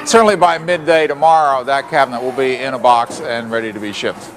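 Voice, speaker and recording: A man of medium pitch talks fairly quickly while guiding a walking tour of a factory, plainly explaining each step with frequent fillers and restarts. The loud factory floor puts constant noise behind his voice.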